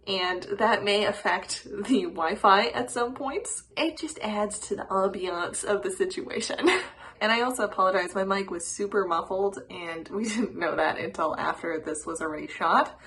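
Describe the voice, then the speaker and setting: A woman hosting a book vlog, speaking casually to camera in a bubbly, expressive way. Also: medium pitch, moderate pace. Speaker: book channel host. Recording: clear background noise.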